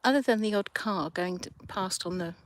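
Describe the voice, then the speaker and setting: On her casual livestream outdoors by a river, a woman talks with viewers through a handheld phone, slow and chatty as she thinks aloud. Her voice is mid-range, with slight background noise.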